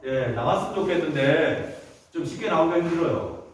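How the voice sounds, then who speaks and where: A man's voice: a little high, brisk. A man leading a children's sermon, telling the story and asking the children frequent questions. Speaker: children's worship leader. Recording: echoey church hall from a distance.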